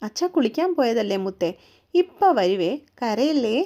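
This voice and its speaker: A woman's voice: a little high, sing-song, moderate pace, warm tone. A woman voicing a young woman soothing crying twins in a storybook reading. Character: young woman caring for twins, tearful and devoted.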